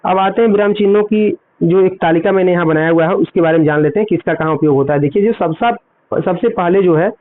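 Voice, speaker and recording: Now quick-paced, the high-voiced man races through his exam grammar lesson, posing questions and supplying the answers while repeating key points. The audio is dry yet tinny, like a phone.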